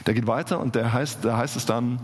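A male pastor preaching a sermon with emphasis, repeating key phrases and slowing down on the important words. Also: medium pitch, steady tone. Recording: long hall reverb.

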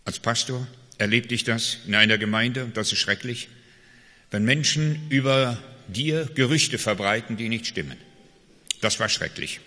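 Male preacher, emphatic sermon delivery, bright tone, reverberant hall. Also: medium pitch. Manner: emphatic preaching with swings between loud calls and quiet confession.

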